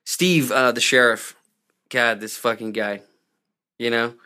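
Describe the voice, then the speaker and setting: A man hosting a casual podcast, rambling and animated as he recaps a TV episode. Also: mid-range voice, clean tone. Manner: rambling, animated, does quick impressions of characters. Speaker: podcast host.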